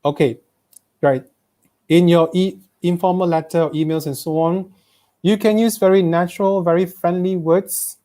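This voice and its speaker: A man's voice: high-pitched, fairly even intonation, normal speed, mellow. A man with a Malaysian accent teaching an online exam-prep English lesson, reading students' questions aloud and checking in with frequent "okay?".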